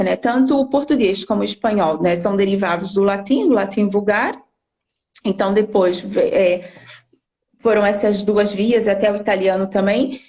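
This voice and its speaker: A woman's voice: a little high, darkish tone. A woman language teacher explaining patiently on a live stream, often checking in with tag questions. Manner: didactic, frequent tag questions.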